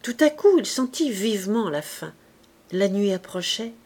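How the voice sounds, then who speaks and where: A woman narrating a classic novel as an audiobook reader, calm and measured. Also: medium pitch, slightly rough.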